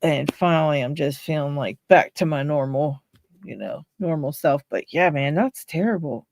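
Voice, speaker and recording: Speaking at a moderate pace in a low, slightly mellow voice, a woman from Pennsylvania with a Pittsburgh accent hosts a casual livestream. She chats with viewers, reads names from the chat, and laughs often. The recording is dry and studio quality.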